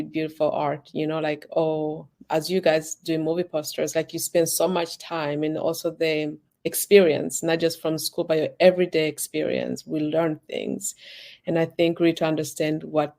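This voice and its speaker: A woman born in Uganda and raised in Sweden, a designer and business owner, chats as a guest in a casual interview. Her low, darkish voice has fairly even intonation at a moderate pace, and her sentences ramble loosely with many restarts and "like"s.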